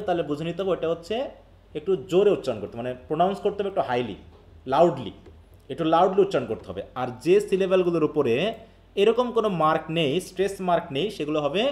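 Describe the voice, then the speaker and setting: A Bangladeshi man teaches English literature in a live online class, his voice pitched on the high side with a darkish tone. He walks through the material step by step, drops English terms into his speech, and quizzes his students constantly.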